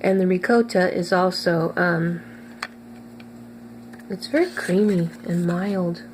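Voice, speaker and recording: A woman's voice: fairly low pitch, slow pace, darkish tone, slight background noise. A woman talking casually in her kitchen as a cooking vlogger, chatty and hesitant, tasting food as she goes. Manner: chatty, hesitant with many fillers, tastes food while talking.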